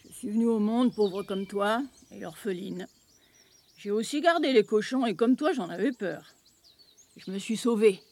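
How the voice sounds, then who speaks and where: A man's voice: high-pitched, normal speed, darkish tone. A man playing a shrewd, secretive old beggar woman in a radio drama, blunt and coaxing. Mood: confiding.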